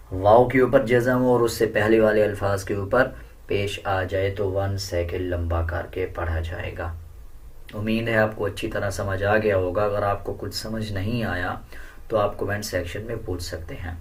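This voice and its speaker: A man teaches Quran recitation, calmly explaining the rules in a lowish voice before chanting the verses slowly and melodiously. His chanting is far louder than his explanations.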